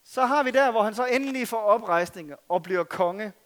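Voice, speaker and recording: A man with a high voice for a man preaches a sermon in an earnest way. He drives some phrases hard and drops others to a soft aside. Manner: earnest, swings between loud stress and soft asides. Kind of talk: sermon with scripture reading.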